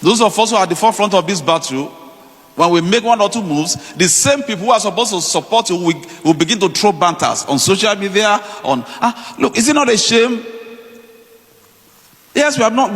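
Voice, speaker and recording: A man with a Nigerian accent delivers a public address in a high-pitched voice. He is emphatic, repeating phrases for rhetorical weight. His words ring with the long reverb of a hall. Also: a bit bright. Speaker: public official giving a speech.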